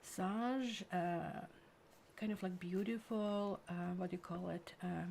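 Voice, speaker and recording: Chatty woman, low-pitched. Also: slow pace, gravelly, a little hiss or hum. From Croatia. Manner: chatty, rambling, full of "like" and "kind of", lively bursts. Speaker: tarot reader. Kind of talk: casual tarot reading to camera.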